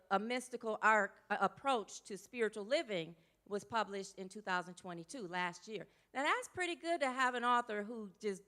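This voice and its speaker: A woman minister introduces the guest speaker to her congregation. Her voice is bright and forward, with a smooth, clear tone. She talks in a chatty, emotional way and drops casual asides to the congregation. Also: mid-range voice. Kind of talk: church introduction speech. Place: church sanctuary.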